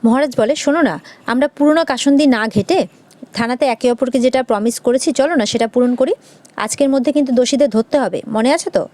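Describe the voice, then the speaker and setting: A woman quickly narrating an episode recap of a TV serial, reading out every character's lines in turn. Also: high-pitched, mellow, no echo.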